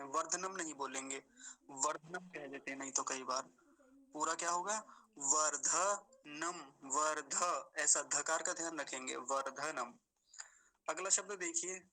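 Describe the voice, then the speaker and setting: A man with a bright, clear voice teaches pronunciation patiently. He stretches each tricky word out syllable by syllable and repeats it until it is right. Now and then he pauses to cough. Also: on the high side, poor audio. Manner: slow, drawn-out syllable-by-syllable demonstration of words; repeats words while correcting mistakes. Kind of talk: explanatory lesson.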